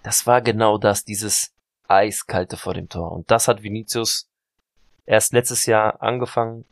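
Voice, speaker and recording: A man's voice: fairly low pitch, steady tone, unhurried, vocal fry, no room sound, studio quality. A sleep-deprived man, rambling through a casual football podcast chat and often correcting himself. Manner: rambling, self-correcting, apologetic. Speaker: podcast co-host.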